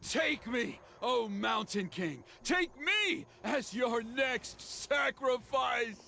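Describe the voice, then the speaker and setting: An actor playing a scheming old zealot in a video game, with slow, theatrical villainous menace and a creaky voice. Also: male voice, very high-pitched, animated, sharp tone, slight background noise, exaggerated voice. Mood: fanatical exaltation.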